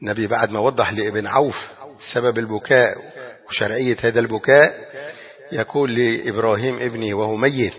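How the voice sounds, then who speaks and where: A man with a Levantine Arabic accent giving a religious lesson, explaining a text with animated rhetorical questions. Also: fairly low pitch, fairly quick, in a large hall, muffled recording. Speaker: religious teacher.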